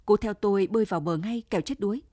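A woman's voice: medium pitch, very fast, dark tone, no room sound, clean studio sound, lightly acted. Woman voicing a brave young prisoner. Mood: firm. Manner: firm, reassuring. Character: young male prisoner, brave and steady rescuer.

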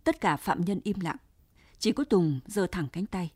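A woman reading a story aloud in a steady, measured way. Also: lowish voice, slightly rough, no room sound, studio quality. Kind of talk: scripted story narration.

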